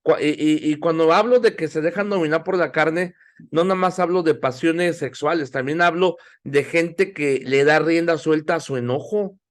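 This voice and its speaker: Middle-aged male preacher-teacher, slightly high voice, urges and questions his class. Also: normal speed. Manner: exhorting, asks the audience questions. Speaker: Bible institute teacher. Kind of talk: sermon-style Bible class.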